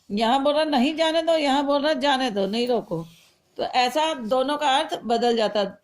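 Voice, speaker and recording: High-voiced woman teaching grammar. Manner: patient, explains slowly with example sentences. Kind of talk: classroom grammar lesson.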